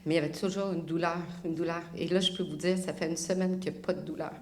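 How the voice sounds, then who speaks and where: A woman's voice: on the low side, fairly even intonation, quick pace, a little mellow. A woman with a Québécois French accent giving an earnest, emotional testimony at church. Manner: emotional, laughing at times, earnest.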